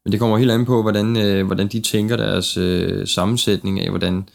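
A man's voice: on the low side, little pitch movement, creaky. A man in a casual football discussion, hesitating and repeating words as he thinks aloud. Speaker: football podcast panelist.

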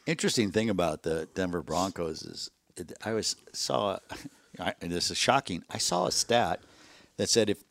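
A man's voice: deep voice, moderate pace, gravelly, no echo. A man co-hosting a podcast, chatting casually about football with frequent agreeing asides. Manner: agreeable, frequent short backchannels and chuckles. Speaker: podcast co-host. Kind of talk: casual sports chat.

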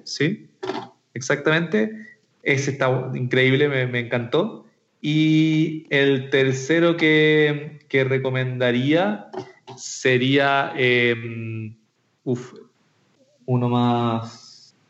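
A man from Chile answers as a guest on an interview podcast, halting and repeating words as he thinks. His voice sits at a middle pitch. The audio comes through slightly dull and muffled, like a remote connection. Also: a bit bright. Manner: hesitant, many fillers and repeated words. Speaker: entrepreneur guest.

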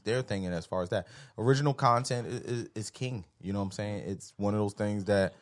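A man in casual chat who makes his points in a measured way, leaning on "you know". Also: lowish voice.

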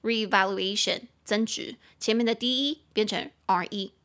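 A young adult woman hosting an English lesson podcast in Mandarin. She spells words out slowly and chats with playful asides. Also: a bit bright. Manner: chatty, with playful high-pitched asides. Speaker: English teacher and podcast host. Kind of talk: bilingual vocabulary lesson podcast.

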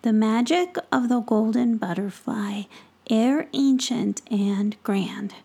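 A woman's voice: a little high, takes it slowly, gravelly, warm tone, husky, exaggerated voice. A woman voicing a shy, polite young boy gnome, hesitant and whispered. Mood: reciting.

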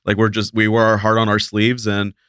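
A Mexican man who heads a talent agency speaks as an interview guest, laid-back and full of fillers and restarts. His fairly low voice is monotone, brisk and a bit bright, with a resonant tone. The studio-quality recording is clear and has no echo.

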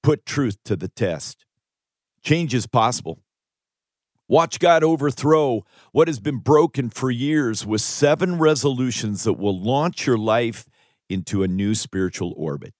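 This audiobook is read by its author, an American pastor in his fifties, whose mid-range voice is animated and a little slow. It's a dry, studio-quality recording from a close studio microphone, delivered with earnest, emphatic preacherly force.

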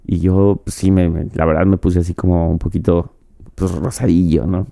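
A man's voice: deep voice, steady tone, normal speed, gravelly, dark tone. A man with a Mexican accent hosting a podcast alone, rambling and joking with profanity while drinking. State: drinking mezcal while talking. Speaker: podcast host. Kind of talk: casual solo podcast monologue.

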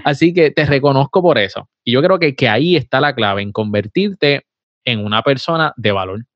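Man, podcast host, affirming, mid pitch, dry and slightly muffled sound. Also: lively intonation, normal speed, dry recording. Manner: affirming, asks questions, fillers. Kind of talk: conversational podcast interview.

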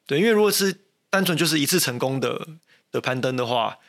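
A man's voice: medium pitch, lively intonation, fast talker, creaky, a bit bright. A young man with a Taiwanese Mandarin accent, a mountaineer guest talking casually and thoughtfully, with many restarts and a self-deprecating manner. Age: young adult. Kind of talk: casual interview talk.

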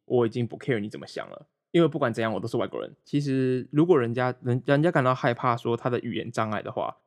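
Animated and fast, with a mid-range voice, a young Malaysian man chats as a guest on a remote call. He is a former roommate who rambles, keeps restarting his sentences and pokes fun at himself.

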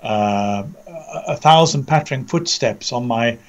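A man with an English accent giving conversational news commentary over an internet call, measured and articulate, often repeating words as he searches for the next. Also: medium pitch, lively intonation. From Britain. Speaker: commentator, co-presenter. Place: indoors under a roof, remote audio call.

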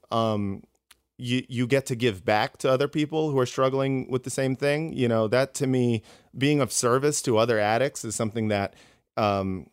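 A comedian guest in a casual interview, rambling with many fillers and restarts. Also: male voice, mid-range voice, clear, resonant tone, no room sound, clean studio sound.

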